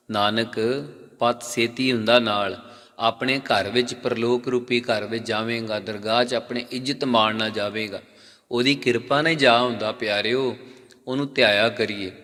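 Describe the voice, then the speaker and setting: A male Sikh preacher giving a sermon. He asks and answers his own questions and slows down to chant lines of scripture. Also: mid-range voice, sharp tone. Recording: long hall reverb.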